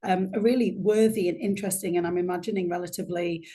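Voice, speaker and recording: A woman's voice: fairly low pitch, fairly even intonation, fast, mellow. A woman hosting a podcast interview, chatty and effusive, introducing her guest with many restarts. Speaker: podcast host.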